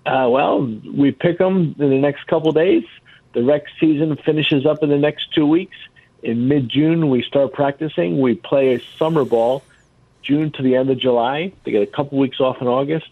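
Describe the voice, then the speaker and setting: Casting: male radio call-in caller, casual talk, mid-pitched, thin phone-line sound. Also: moderate pace, dry recording. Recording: tinny, dry phone line.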